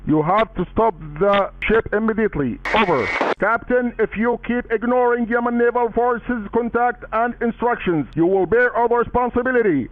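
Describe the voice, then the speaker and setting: A man's voice: very high-pitched, normal speed, few pauses, slight background noise. A man working as a naval radio operator, making formal, commanding calls over a marine radio and repeating his orders in stiff phrasing. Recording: tinny marine radio transmission.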